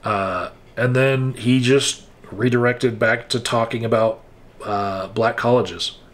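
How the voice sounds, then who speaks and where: A man's voice: mid-range voice, steady tone, slow. A man giving a frank, wry, casual spoken recap with hesitant restarts, as a political commentator.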